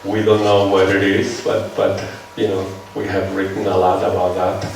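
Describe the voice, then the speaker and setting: Speaking at a normal pace in a low, creaky monotone, this man from Venezuela lectures in English with a Venezuelan Spanish accent, taking audience questions and conversationally checking in with "right?". The setting is a lecture hall, captured with a far-off mic, echo, and slight background noise.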